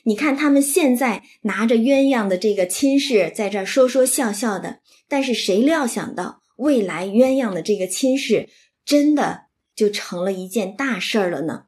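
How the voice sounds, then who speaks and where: A woman's voice: a little high, animated, normal speed, a little mellow. A woman retelling and explaining a classic novel in a chatty lecture, often checking in with her listeners. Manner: chatty, asks listeners for agreement. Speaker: literature explainer.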